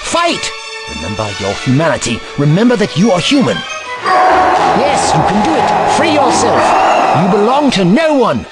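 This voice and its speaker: A man's voice: high-pitched, huge pitch swings, normal speed, over loud music. A man playing a clever, earnest alien Time Lord hero in an audio drama, with precise, theatrical, formal diction. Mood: urgent pleading.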